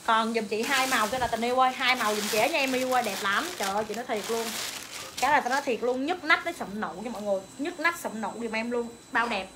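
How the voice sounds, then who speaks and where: A young woman, hawking clothes on a livestream with rapid, excited calls to viewers and her staff. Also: fairly high pitch, background noise. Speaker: online clothing seller. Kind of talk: livestream sales pitch.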